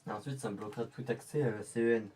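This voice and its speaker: A man with a lowish, darkish voice plays an undercover infiltrator in a scripted monologue, muttering pensively to himself as he plans his cover. His delivery is rapid-fire and steady in tone, close to an everyday voice, and he sits far from the mic.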